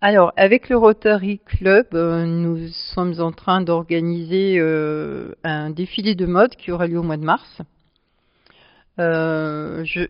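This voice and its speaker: A woman who presides over a charity club, answering interview questions at length and pausing often to find her words. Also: on the low side, clear, resonant tone, no room sound. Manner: explanatory, speaks at length with frequent hesitations. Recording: dull lo-fi sound.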